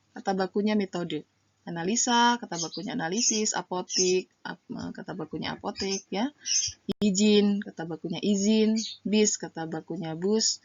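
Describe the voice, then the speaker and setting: A woman teacher talks her students through a lesson, patient and chatty, stopping on fillers and checking in with them. Her voice sits at a middle pitch. The recording sounds dull and lo-fi. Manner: patient, addresses students as friends, many fillers. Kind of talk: online class lesson. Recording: dull lo-fi audio.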